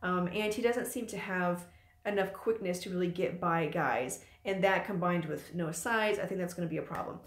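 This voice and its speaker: Her voice sits on the low side and moves at a normal pace. She's a woman in her late twenties hosting her own home live stream, chatting loosely, rambling, and filling gaps with ums, and the room has an echo.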